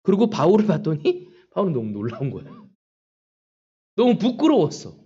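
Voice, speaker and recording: Male pastor, high voice, dramatic sermon style, lo-fi church recording. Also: wildly swooping pitch, normal speed, warm tone, breathy edge. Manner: preaching with acted-out prayers and quoted taunts. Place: church sanctuary.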